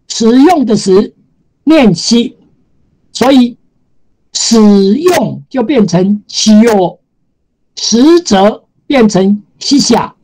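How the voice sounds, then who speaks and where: A woman's voice: mid-range voice, warm tone, poor audio. A woman teaching a Japanese grammar class in Taiwanese Mandarin, explaining patiently and repeating key terms. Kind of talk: classroom lecture.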